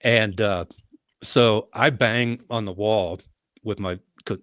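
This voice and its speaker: A man's voice: fairly low pitch, steady tone, takes it slowly, fairly bright tone, no room sound, studio quality. An older man, a retired police leader, tells a story from his patrol years in a podcast interview, with many uh fillers and restarts. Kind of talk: conversational storytelling.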